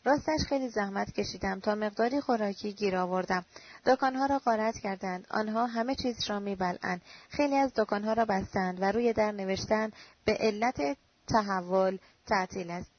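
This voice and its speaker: A woman's voice: mid-range voice, husky, dry recording. Woman narrating a literary audiobook. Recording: dull lo-fi recording.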